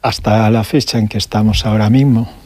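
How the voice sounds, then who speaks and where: A man's voice: lowish voice, steady tone, warm tone, no echo. Older Galician-born man, dry studio sound. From Galicia, Spain. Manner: unhurried storytelling with pauses and restarts. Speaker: guest, electronics shop owner. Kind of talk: radio interview. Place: radio studio.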